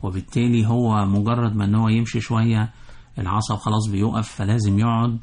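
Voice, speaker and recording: A man with an Egyptian accent, a surgeon answering callers' questions on radio in a calm, explanatory way. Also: on the low side, quick pace, a little hiss or hum. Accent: Egyptian Arabic. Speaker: orthopedic surgeon guest. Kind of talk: medical advice on radio.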